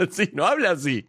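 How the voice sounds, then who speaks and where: A man's voice: sits high, fairly bright tone. A man with an Argentine accent giving sarcastic, mocking reaction commentary. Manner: sarcastic, mocking, laughs often.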